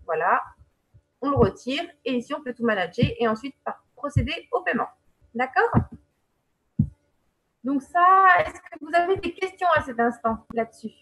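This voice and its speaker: A woman's voice: high-pitched, lively intonation, normal speed, pauses often, a bit bright, rough recording. A woman presenting a webinar, explaining a website step by step in a chatty way, with many fillers and check-ins to her viewers. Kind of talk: screen-share software walkthrough.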